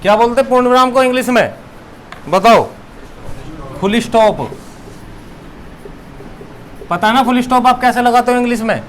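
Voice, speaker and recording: A young man with a high voice teaches a lesson, repeating each key term and posing questions he answers himself. There is a faint hiss of room noise behind him. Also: normal speed, pauses often, a bit bright. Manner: repeats key words, asks and answers his own questions. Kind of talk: classroom lesson.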